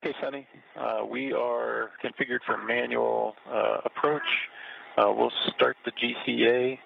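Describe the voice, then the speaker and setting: A man calling out arm moves over a space radio comm loop in flat, measured callouts. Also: mid-range voice, creaky, dry recording. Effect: sci-fi-style space radio comm loop. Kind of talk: radio communications. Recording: narrow crackly radio link.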